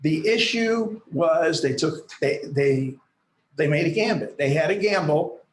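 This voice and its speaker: A man's voice: a little high, animated, measured pace, roomy sound, a little hiss or hum, poor audio. A man arguing for the state in an appellate court, persistent and argumentative. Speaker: attorney for the state.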